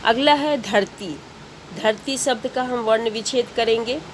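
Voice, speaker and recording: A woman's voice: fairly high pitch, unhurried, a little hiss or hum. A woman teacher giving a grammar lesson to schoolchildren, patiently repeating and spelling out each step.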